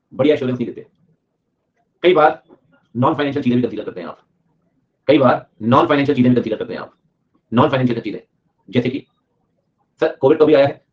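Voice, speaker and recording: A young man from Delhi teaching accounting in a lively lecture, acting out an auditor and a client in playful voices. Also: medium pitch. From Delhi, India. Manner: animated, acts out auditor and client in funny voices. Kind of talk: lively classroom lecture with acted skits. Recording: dull lo-fi recording.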